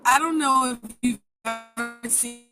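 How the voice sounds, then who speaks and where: A woman speaking as a panelist from an arts cooperative over a video call whose connection keeps breaking up, halting and filling gaps with hesitations. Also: a little high, over music. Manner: halting, with many fillers. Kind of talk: panel discussion.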